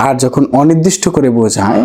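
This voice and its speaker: A man with a mellow, dark voice gives a classroom-style grammar lesson. He works through each example step by step and keeps putting questions to his students. His pitch sits in the middle range. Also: animated, fast. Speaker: English grammar teacher.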